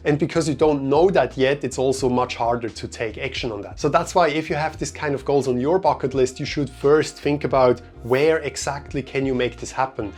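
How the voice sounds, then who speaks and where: A young man who grew up in Switzerland, telling a story in a relaxed, chatty vlog style with many fillers. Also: mid-range voice. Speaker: vlogger. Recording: faint music behind.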